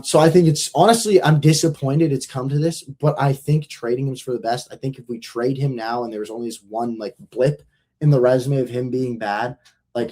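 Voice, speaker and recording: A man's voice: mid-range voice, dark tone. A young man hosting a podcast, chatting casually in a rambling, slangy and profane way. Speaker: podcast host. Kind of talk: casual chat.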